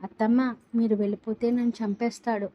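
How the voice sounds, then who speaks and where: A woman's voice: a little high, flat delivery, fairly quick, mellow, highs cut off, close to an everyday voice. A woman voicing a distraught young wife who pleads and protests in a read-aloud story. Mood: distressed.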